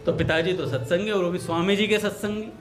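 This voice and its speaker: High-voiced man telling devotional stories. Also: quick pace, soft background music. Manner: acts out dialogue in anecdotes, relaxed conversational tone. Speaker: satsang speaker. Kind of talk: devotional storytelling talk.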